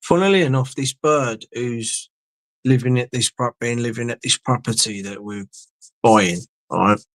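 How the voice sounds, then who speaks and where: A man's voice: mid-range voice, a little slow, no echo. A man hosting a livestream, chatting casually with viewers in a rambling way, swearing and sometimes losing his words. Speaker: livestream host. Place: indoor home studio.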